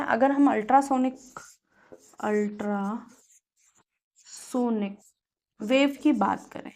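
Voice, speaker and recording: A woman teacher with a Kanpur Hindi accent, giving a classroom physics lesson and explaining step by step, repeating key words and pausing on fillers. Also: high-pitched, a little mellow. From India.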